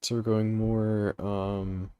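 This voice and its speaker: A man's voice: fairly low pitch, little pitch movement, slow, mellow, smooth. A young man hosting a gaming livestream, thinking aloud with many ums and uhs, sleepy and yawning as he plans routes and answers chat. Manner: hesitant, thinking aloud with many fillers, reads chat questions. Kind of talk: casual live commentary while playing.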